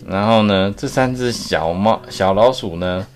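A man reading a picture book aloud to a child at bedtime, chatty and gentle, stopping to ask questions. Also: fairly low pitch, unhurried, over loud music.

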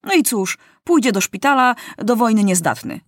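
A bold street boy, done by a woman reader, talks fast and high with lively swings. The reading sounds dry and close to the mic. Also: dry recording. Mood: brisk. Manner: brisk, lively storytelling.

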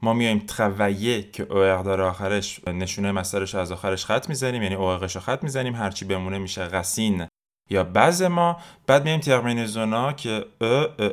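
A man teaching a recorded language lesson, explaining quickly and then saying example phrases slowly and carefully for listeners to repeat. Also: lowish voice. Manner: asks listeners to repeat after him. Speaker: French teacher.

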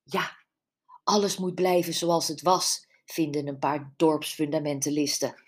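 A woman reads a self-assured, humorous woman from an audiobook. She addresses a crowd in a slow, raised announcing voice. Her voice sits low. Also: steady tone. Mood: confiding. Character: woman welcoming a village crowd, lively and confident.

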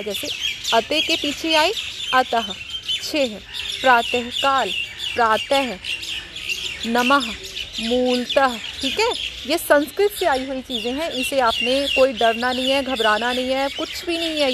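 Slow patient woman teacher. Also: high-pitched, very noisy. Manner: addresses pupils as 'beta', drawn-out example words, reassuring. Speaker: Hindi teacher. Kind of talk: slow, patient classroom explanation. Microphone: audio recording for students.

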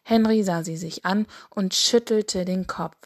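Slow, gravelly-voiced woman reading bedtime stories. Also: mid-range voice. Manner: gentle, calm. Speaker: bedtime story reader. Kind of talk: bedtime story narration.

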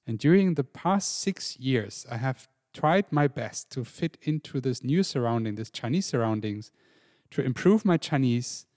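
A man from Germany with a mid-range voice, telling his story at a measured pace as a podcast guest. The sound is dry and close, with no room echo. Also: mid-range voice, darkish tone. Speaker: guest and co-author. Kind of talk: podcast conversation.

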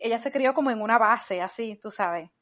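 Lady guest on a podcast, high-ish voice, lively and laughing a lot. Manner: animated, quick to laugh. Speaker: podcast guest, actress and comedian. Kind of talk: casual podcast chat.

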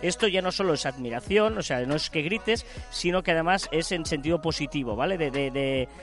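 A man's voice: on the high side, a little fast, a bit bright. Co-host, male, talky explainer, light music bed. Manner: explanatory, frequent "¿vale?" check-ins. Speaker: podcast co-host. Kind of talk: casual podcast chat.

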